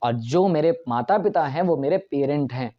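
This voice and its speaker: A man's voice: a little high, animated, moderate pace, lo-fi sound. A male English grammar teacher gives a classroom lecture in Hindi mixed with English terms and keeps checking whether the students understand.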